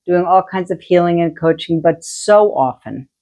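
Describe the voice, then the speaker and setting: Woman, lowish voice, middle-aged, healer chatting, acts out quoted voices. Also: normal speed. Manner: animated storyteller acting out quoted voices. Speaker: healer and medium co-host. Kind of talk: casual chat, storytelling.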